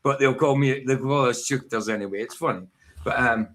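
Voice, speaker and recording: A man's voice: medium pitch, fairly quick, fairly bright tone. A man from northeast Scotland with a Doric accent, chatting casually and often repeating his phrases. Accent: northeast Scottish Doric. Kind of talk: casual chat.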